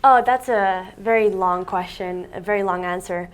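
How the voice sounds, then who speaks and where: A young adult woman from Siberia, Russia, a content creator, chats casually as a guest in an office interview, using lots of "like" fillers. She sits in a meeting room by large windows, speaking at a moderate pace in a mid-range voice.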